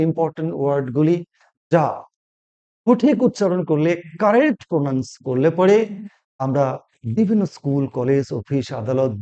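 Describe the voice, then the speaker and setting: A man's voice: fairly high pitch, mellow, muffled recording. A male spoken English teacher who speaks Bengali as his first language, giving a pronunciation lesson and repeating each word while quizzing the listener. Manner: repeats words and quizzes the viewer.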